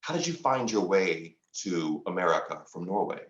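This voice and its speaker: A man with a very low, deep voice hosts an interview, framing his questions in a measured, affirming way. The recording sounds roomy and slightly dull. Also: sing-song. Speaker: podcast host.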